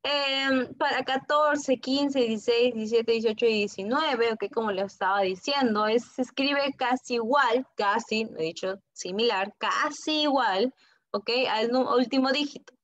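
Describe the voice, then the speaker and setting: A woman English teacher, teaching an online class to young children and drilling words slowly and patiently for them to repeat. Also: a little high, a bit bright. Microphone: computer mic on a video call. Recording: muffled video-call audio.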